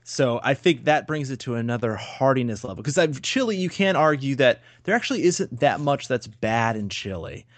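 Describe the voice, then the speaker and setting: A man's voice: medium pitch, normal speed, few pauses, dry recording. Dry-humored guy in his 30s chatting on a podcast, close dry sound. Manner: wry, laughing, animated storyteller. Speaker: podcast co-host. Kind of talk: casual chat.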